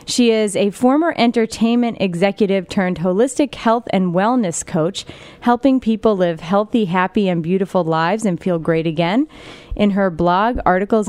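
A woman's voice: mid-range voice, darkish tone, clean tone, dry recording. A woman hosting a podcast interview, chatting casually with fillers and restarts. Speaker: podcast host.

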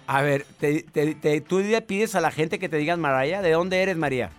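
A man hosting a call-in radio show, teasing callers with quick, joking interjections. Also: on the high side, soft background music.

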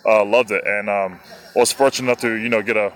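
Male athlete from New Zealand, low voice, laid-back interview guest. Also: fast talker. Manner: relaxed, many fillers. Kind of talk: casual interview.

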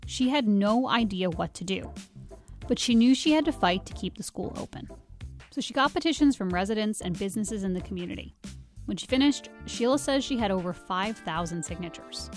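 A woman reporter giving scripted narration in a clear, even storytelling delivery. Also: mid-range voice, brisk, soft background music. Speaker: radio reporter.

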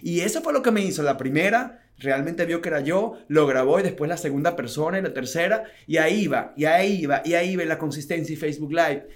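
A man's voice: on the high side, lively intonation, fast talker, hardly any pauses. A man telling his business story in a casual interview, acting out quotes and laughing often. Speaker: guest entrepreneur.

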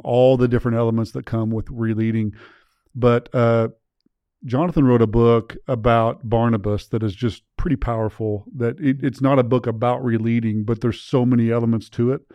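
Warm, clear, and resonant, a man's mid-range voice carries a casual podcast chat with no room sound. He's a university president hosting the show, keeping things loose and upbeat while making fun of himself.

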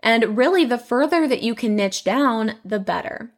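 A woman's voice: on the high side, animated, moderate pace. A young woman hosting her own podcast, chatting in a casual, upbeat way with lots of "you know" fillers. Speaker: podcast host.

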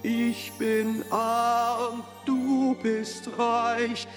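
A cheerful good-hearted nephew. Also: male voice, very high voice, little pitch movement, very slow, long reverb tail, soft background music, heavily acted. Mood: cheerful song. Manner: friendly, good-humoured and pleading. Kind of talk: musical audio drama, sung and spoken.

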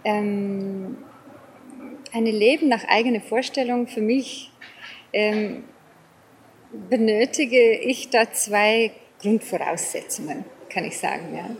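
A mature woman from South Africa talks in a conversational interview, her German carrying an English accent and a Bavarian tinge. She often repeats phrases while searching for words. Her pitch is middling, and there is noticeable noise in the recording. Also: slow. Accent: English-accented German with Bavarian touches. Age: middle-aged or older. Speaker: interview guest.

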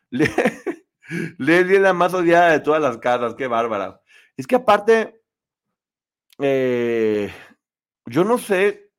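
A man hosting a casual live show, chatting opinionatedly and reading viewer comments. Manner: chatty, opinionated, lively pitch swings.

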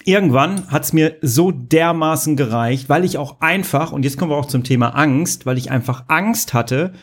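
A man hosting a podcast interview, telling his own story calmly with fillers. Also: a little high, normal speed, slightly rough. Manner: calm, personal storytelling with fillers. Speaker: podcast host. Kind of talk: conversational interview.

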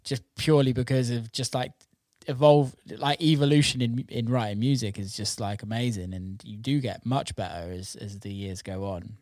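A music producer chats casually, talking informally, swearing and scattering "like" throughout. His mid-range voice is a little mellow and runs at a normal speed with few pauses, recorded as clean studio sound with no echo.

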